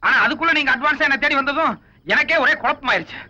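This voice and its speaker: An actor playing a cheeky, wisecracking bank thief in 1990s film dialogue, joking and mixing in English. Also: male voice, extremely high pitch, quick pace, pushed and bright, lo-fi sound, full character voice. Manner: joking, teasing, mixes in English.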